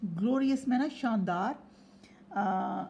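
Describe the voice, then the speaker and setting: A woman's voice: mid-range voice, slow, gravelly, darkish tone, lo-fi sound, a little hiss or hum. A woman teaching an English lesson, explaining words and spelling them out letter by letter. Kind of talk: lesson explaining vocabulary and syllables.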